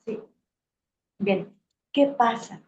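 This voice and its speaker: Speaking on emotional healing, a middle-aged woman reflects aloud, poses rhetorical questions and checks in with her audience. Her voice sits on the high side with a darkish tone and drawn-out words, recorded with a roomy, slightly dull sound and faint hiss.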